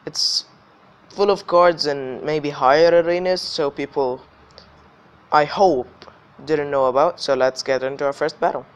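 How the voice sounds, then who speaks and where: A man with a fairly high, smooth voice hosts a gaming video, offering casual commentary on the gameplay at a measured pace. His voice sounds slightly affected by illness.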